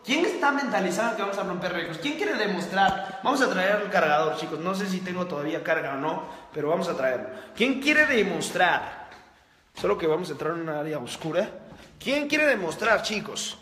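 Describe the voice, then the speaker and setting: Forceful man in an echoey room. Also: high voice, lively intonation, a little fast. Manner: forceful, blunt, repeats key phrases. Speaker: self-help video host. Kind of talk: motivational live-stream talk. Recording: very echoey room with long reverb.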